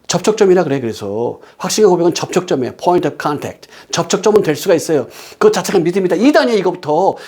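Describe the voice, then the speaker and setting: A male preacher with a fairly high voice, delivering a sermon. He presses his points hard and asks rhetorical questions. Between those stresses he drops into a quieter storytelling tone. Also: animated, quick pace, few pauses, husky.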